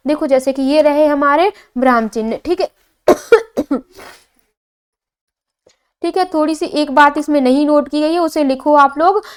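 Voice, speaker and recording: A young woman with a high voice teaches an exam coaching lesson. She keeps asking her class a question and then answering it herself, repeating each key point with plenty of fillers. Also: measured pace, pauses often.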